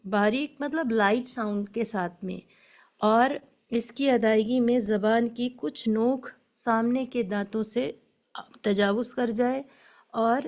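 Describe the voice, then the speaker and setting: Woman, recitation teacher, slightly high pitch, patient step-by-step explaining, mixes in english words. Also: a little mellow. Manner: explains slowly, then models drawn-out recitation sounds. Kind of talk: online recitation lesson.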